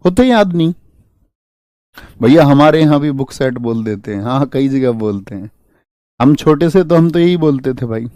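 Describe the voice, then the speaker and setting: A man's voice: mid-range voice, expressive, normal speed, long pauses, dark tone, dry recording. A young man teaching an exam-prep class, energetically quizzing students with questions and mixing English words into his explanations. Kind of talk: exam coaching lesson.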